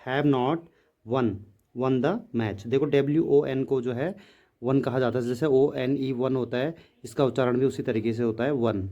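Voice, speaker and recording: Slow, mellow-voiced male teacher. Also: medium pitch, lo-fi sound. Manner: slow, drawn-out dictation of English sentences. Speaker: English teacher. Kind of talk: grammar lesson.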